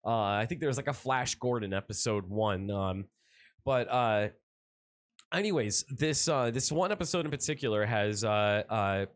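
A man chatting casually as a podcast host, retelling a cartoon episode in a rambling, excited way full of fillers and restarts. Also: on the low side, moderate pace. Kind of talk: casual chat.

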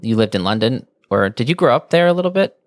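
A man's voice: mid-range voice, expressive, fast talker, no room sound, studio quality. A man hosting a casual conversation, asking curious questions and joking along. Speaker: host. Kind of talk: casual chat.

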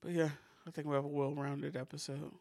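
A man's voice: fairly high pitch, little pitch movement, a little fast, vocal fry, darkish tone, dry recording, studio quality. A man co-hosting a podcast, chatting casually and laughing often while telling loose stories. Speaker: podcast co-host. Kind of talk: casual chat.

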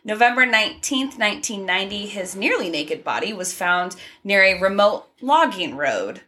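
A woman's voice: medium pitch, big pitch swings, moderate pace, sharp tone. A woman co-hosting a casual true crime podcast, running through the case details in a chatty way with small asides. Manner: conversational, reads case facts with asides and laughs.

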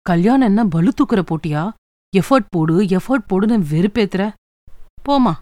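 A woman's voice: mid-range voice, animated, normal speed, a little mellow, dry recording, studio quality, natural voice. A woman voicing a frustrated young married woman who complains in a sulky, exasperated way in a storybook reading.

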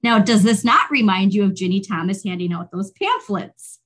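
A woman co-hosts a casual podcast, her voice sitting in an ordinary middle register. She talks in an animated way, with sarcastic jabs and frequent laughter. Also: mid-range voice, moderate pace, husky. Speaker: podcast co-host.

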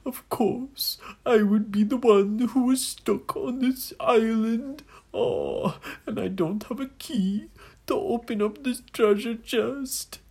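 A woman's voice: sits low, very animated, drawn-out words, full character voice. A woman voicing a self-pitying, greedy male sea captain who whines and wails in a children's story. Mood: weeping. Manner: wailing, whining.

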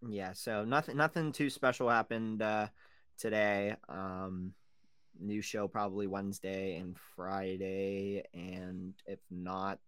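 A young man with a somewhat low voice chats about football, trailing off and restarting as he goes. He sounds unscripted and casual, like talk between friends. The sound is dry and close. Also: little pitch movement, slow, a bit bright, clean tone, no echo. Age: young adult. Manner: rambling, hesitant, filler-heavy. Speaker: podcast co-host. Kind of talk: casual chat.

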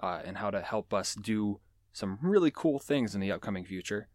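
A man's voice: lowish voice, animated, moderate pace, darkish tone, no room sound, studio quality. A man hosting a nature show, explaining animal facts in a casual, joking way with chatty asides. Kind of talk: casual educational podcast talk.

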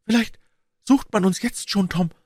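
A man's voice: high voice, moderate pace, a little mellow, dry recording, voice pushed up. A man voicing a frightened young girl lost in a cave, pleading and tearful. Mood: anxious.

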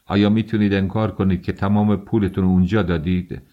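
A man voicing a haughty middle-aged suitor who speaks in a stiff, contemptuous, measured way, in an audiobook. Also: low voice, little pitch movement, lo-fi sound, close to an everyday voice. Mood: cold.

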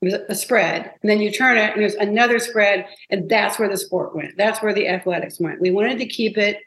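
Animated woman telling stories in a roomy space. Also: medium pitch, a little fast. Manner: animated, emotional storytelling with many restarts. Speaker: guest, advertising copywriter. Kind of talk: interview storytelling. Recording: roomy echo.

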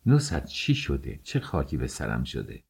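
A man's voice: extremely low pitch, wildly swooping pitch, creaky, darkish tone, breathy edge, voice pushed down, full character voice. A man reading an audiobook, voicing a worried older mother who scolds and asks fretful questions. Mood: anxious. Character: worried older mother, sharp-tongued and anxious.

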